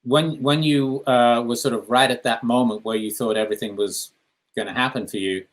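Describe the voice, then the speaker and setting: A man's voice: medium pitch, moderate pace. Man asking interview questions. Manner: calm, prompting questions with small restarts. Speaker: interview host.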